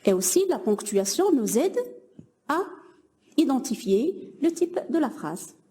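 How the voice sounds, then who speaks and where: Woman teacher, young, slow and patient, warm mellow tone, praises pupils. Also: sits high, big pitch swings. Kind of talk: French grammar lesson.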